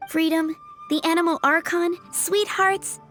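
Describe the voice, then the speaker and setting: A woman's voice: extremely high pitch, fairly even intonation, a little slow. A woman voicing a cheerful, dreamy townswoman in a video game, friendly and gushing. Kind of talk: English video game voice acting. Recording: music behind the voice.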